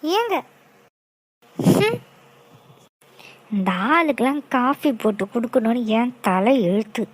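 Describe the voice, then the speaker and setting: A woman's voice: on the high side, sing-song, takes it slowly, long pauses, heavily acted, rough recording. A woman voicing a jealous, scheming young woman who mutters scornful asides in a cartoon. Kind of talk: cartoon voice acting.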